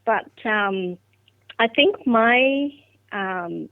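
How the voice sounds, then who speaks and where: Her mid-range voice sounds animated, and she draws out her words as this middle-aged Vietnamese guest scientist, a native Vietnamese speaker, tells a podcast the personal story of finding her way into science. She is reflective and keeps using fillers and restarting. The dry, phone-like recording has no room sound.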